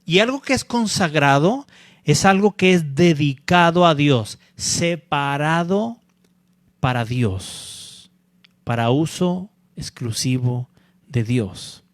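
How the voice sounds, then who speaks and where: A male pastor preaching a sermon, deliberate and repeating key points, often checking in with a quick "¿sí?". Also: fairly high pitch, expressive, no echo, studio quality. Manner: deliberate, checks in with the congregation by asking "¿sí?"; repeats key phrases for emphasis.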